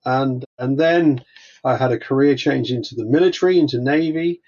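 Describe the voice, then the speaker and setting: A Welsh man appears as a guest consultant on a podcast, talking casually but hesitantly with many restarts. His voice is medium-pitched and darkish at a moderate pace, and the lo-fi recording sounds slightly dull.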